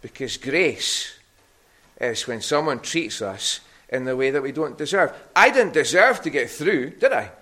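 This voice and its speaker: Bright-voiced Scottish Hebridean man preaching to children. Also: medium pitch, unhurried. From Harris, Scotland. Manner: conversational, questioning, animated storytelling. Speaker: preacher giving a children's talk. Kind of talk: children's sermon told as a personal anecdote, with questions to the listeners.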